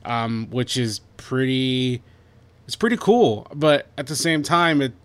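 A man chats on a podcast in an easygoing, hesitant way, trailing off and restarting. His voice is mid-pitched. The sound is dry and close, with no room echo. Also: animated, takes it slowly, clear, resonant tone. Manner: hesitant, easygoing, filler-heavy. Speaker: podcast co-host. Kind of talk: casual wrestling podcast chat.

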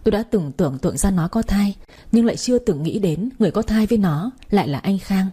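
A woman's voice: mid-range voice, lively intonation, fast talker, dark tone, husky. A woman narrating a first-person dramatic story with emotional delivery.

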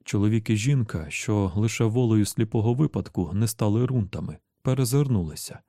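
A man narrating an audiobook in a steady, measured reading voice. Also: on the low side, no echo, clean studio sound.

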